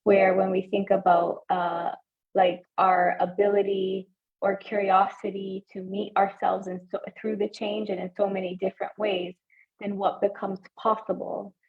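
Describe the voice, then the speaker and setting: A woman co-hosting a relaxed podcast chat, her voice carrying a gravelly fry. She muses aloud in a thoughtful, wandering way, often restarting her sentences. The sound is slightly dull and lo-fi. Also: mid-range voice, normal speed. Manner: thoughtful, meandering, many fillers and restarts. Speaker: podcast co-host. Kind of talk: reflective casual chat.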